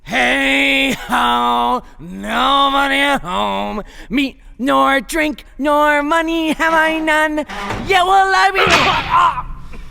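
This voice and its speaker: A defiant young outlaw locked in a cell, bargaining and boasting in a high, lively, bright voice. He drags his words out slowly, and a long reverb hangs around him like a stone hall in a radio play. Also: exaggerated voice. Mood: singing taunts. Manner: boastful, pleading, bursts into shouting song.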